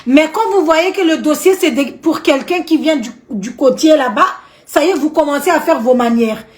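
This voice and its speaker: A woman talks straight to her viewers in a high voice. She scolds with indignation and circles back over her own points, stumbling and restarting as she presses on. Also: animated, moderate pace. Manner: indignant, scolding, repeats herself. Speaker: vlogger. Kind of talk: direct-to-camera rant.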